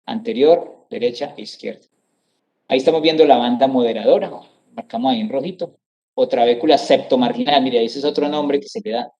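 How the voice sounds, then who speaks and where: A middle-aged man lectures on anatomy over slides in a mellow, warm voice. He explains step by step, repeats each term and keeps checking that the class follows. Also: medium pitch, a little fast, lo-fi sound. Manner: explanatory, repeats terms, checks understanding with "¿sí?" and "¿cierto?".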